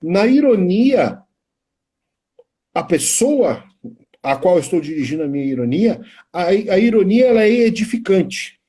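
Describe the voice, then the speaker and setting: Middle-aged Brazilian teacher, husky and mellow, rambling storyteller on a live stream. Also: male voice, sits high, very animated, a little slow. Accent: Brazilian Portuguese. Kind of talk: casual chat on a live stream.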